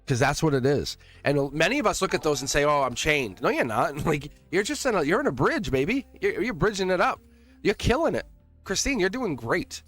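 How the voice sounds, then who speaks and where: A man with a Boston accent hosting a casual live tarot reading, chatting to viewers in an excitable, chummy, slangy way. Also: fairly high pitch, a little fast, soft background music. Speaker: tarot reader and livestream host.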